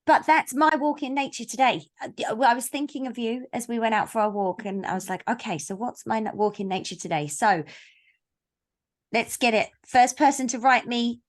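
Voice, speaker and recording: Hosting a virtual book launch, a woman speaks at normal speed in a voice on the high side. Her casual video-call chat is playful and teasing toward the audience, and she calls herself a stickler for rules. She's picked up by a video call microphone.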